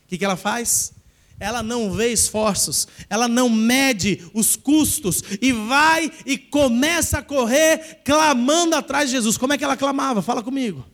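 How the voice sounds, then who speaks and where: A man preaching a sermon in a church, leading the congregation in call-and-response and shouting at the peaks. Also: extremely high pitch, moderate pace. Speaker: pastor.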